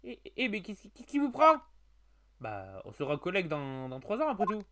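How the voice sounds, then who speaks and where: A man's voice: sits high, wildly swooping pitch, moderate pace, sharp tone, exaggerated voice. A man voicing a hesitant young male defense lawyer who mumbles his asides. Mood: wary. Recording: game music underneath.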